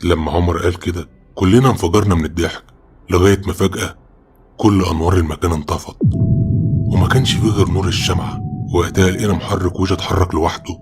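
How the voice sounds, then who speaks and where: A man with a very low voice and an Egyptian Arabic accent narrates a horror tale at a rapid clip. His delivery is brisk and dramatic, like a scripted storyteller. Faint music plays underneath. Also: steady tone, a little mellow.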